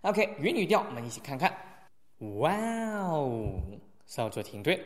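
Man teaching English pronunciation, slow and echoey. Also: fairly high pitch, big pitch swings. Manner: slow, drawn-out model phrases alternating with quick explanations. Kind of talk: spoken English lesson.

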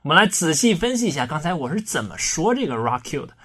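Playful, slightly high-voiced male teacher. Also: big pitch swings, pushed and bright, breathy edge. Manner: playful, colloquial explaining with slowed, exaggerated English demonstrations. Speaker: English pronunciation teacher. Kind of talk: recorded online lesson.

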